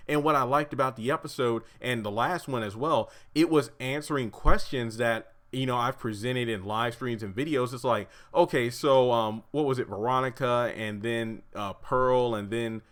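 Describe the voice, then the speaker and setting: A man giving a chatty, animated review of a TV episode from his apartment, often laughing and acting out the characters' lines. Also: medium pitch, normal speed, hardly any pauses. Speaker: show reviewer.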